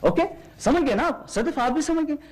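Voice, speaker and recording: An impatient theatre director. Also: male voice, very high-pitched, expressive. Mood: directing. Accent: Pakistani Urdu. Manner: brisk, dismissive, orders people about.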